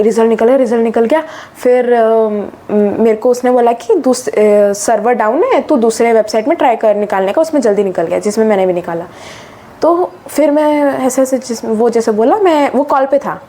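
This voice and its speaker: Teen girl vlogger from Odisha, a little high and soft-toned, chatty and excitable. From Odisha, India. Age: teens. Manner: chatty, mixes English phrases into Hindi, gets excited retelling stories. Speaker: student vlogger. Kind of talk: casual vlog chat.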